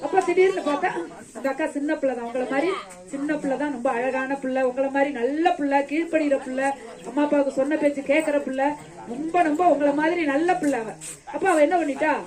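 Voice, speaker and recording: A high-pitched woman tells a Bible story to a group of children. She peppers them with questions and coaxes them fondly as she goes. Children's chatter fills the background of this outdoor recording. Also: fairly even intonation, fast talker, a little mellow. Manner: keeps asking the children questions and answering them; coaxing and affectionate with the children. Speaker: children's ministry teacher. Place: outdoors during rain. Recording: children's chatter all around.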